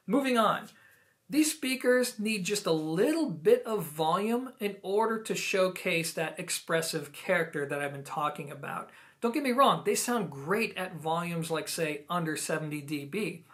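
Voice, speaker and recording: An audio gear reviewer hosts a video product review, talking to camera and explaining things conversationally to viewers with emphatic, personal opinions. His voice sits on the high side with a fairly bright tone.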